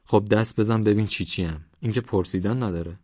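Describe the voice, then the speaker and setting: A man voicing a calm, patient young man who reassures a frightened stranger. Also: on the low side, no room sound, voice pushed up, natural voice. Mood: reassuring. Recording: dry, slightly dull recording.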